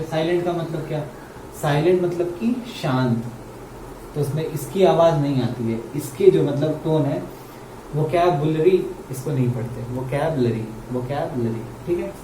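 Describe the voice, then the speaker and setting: A man's voice: on the high side, dark tone. A man with an Indian English accent teaching English grammar in Hindi. He repeats key words and asks his students questions. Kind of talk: explaining grammar at a board in Hindi. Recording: roomy, mic far off, faint hum.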